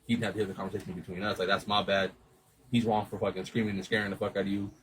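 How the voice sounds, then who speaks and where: A man telling a rambling, animated story in casual chat, swearing a lot and acting out what everyone said. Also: lowish voice, very fast, rough recording. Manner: rambling, animated retelling with lots of swearing and quoted dialogue.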